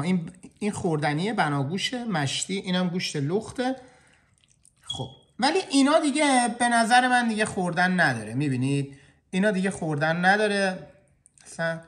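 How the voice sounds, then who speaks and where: A man hosting a casual cooking vlog from a kitchen, joking and talking straight to his viewers through a clip-on mic. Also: high voice. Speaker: chef. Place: indoor kitchen.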